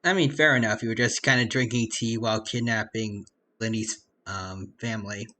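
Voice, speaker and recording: Bright-voiced man joking through a game stream. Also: fairly low pitch, steady tone, moderate pace. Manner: joking asides, reads chat. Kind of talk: casual gameplay commentary. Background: faint game music.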